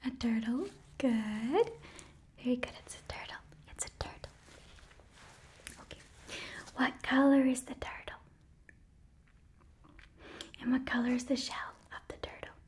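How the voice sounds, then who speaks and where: A young woman in her twenties with a Midwestern American accent, doing a gentle, coaxing whispered role-play as a school nurse, close to the mic. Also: fairly high pitch, steady tone, a little slow, long pauses. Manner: gentle, coaxing, as if tending a child. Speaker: ASMR performer playing a school nurse. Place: small indoor room set up as an office.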